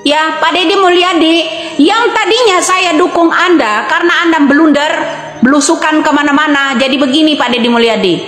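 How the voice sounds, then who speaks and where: A high-pitched woman in her fifties hammers home her point, firing the same rhetorical questions again and again. Her voice rings through a reverberant, echoey room with long reverb. Faint music sits underneath. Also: moderate pace, fairly bright tone. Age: 50s. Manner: insistent, repeats rhetorical questions. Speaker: online commentator. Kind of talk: impassioned monologue to camera.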